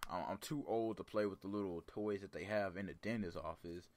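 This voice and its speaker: A young man telling a personal story in a casual, rambling way, with a calm, laid-back, serious delivery. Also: low voice, a little fast.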